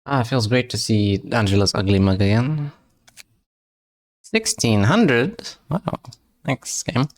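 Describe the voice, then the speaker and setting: Here a medium-pitched, lively voice belongs to a live streamer taking things slowly, with long pauses. He talks casually to viewers in English, his second language, tripping over and repeating words and cracking jokes at his own expense in reply to chat.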